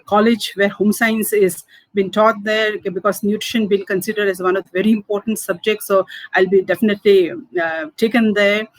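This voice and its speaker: Answering interview questions about her life, this woman from Manipur, India, now in her fifties and running a food business, speaks in a mid-range voice. Hindi and Manipuri are her first languages; she pauses often, uses lots of fillers and laughs softly. The audio is dry and low quality.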